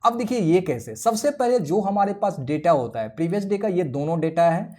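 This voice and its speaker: A man's voice: high-pitched, animated, fairly quick, a little mellow. A man giving a step-by-step chart-reading tutorial over a screen share. He keeps checking in with his viewers as he explains. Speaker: trading educator.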